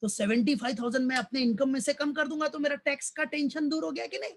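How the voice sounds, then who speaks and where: A man's voice: extremely high pitch, steady tone, fast, a little hiss or hum. A man teaching a recorded lecture who calls his students "beta", repeats each point, and keeps asking questions that he answers himself. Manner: fatherly, addresses students as "beta". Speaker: college commerce lecturer. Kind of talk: recorded tax lecture in mixed Hindi and English.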